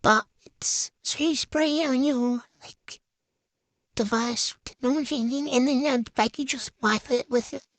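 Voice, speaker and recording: With no room sound, a vlogger narrates a relaxed show-and-tell in a high, slightly slow voice. She speaks off the cuff and tentatively, frequently letting her sentences trail off.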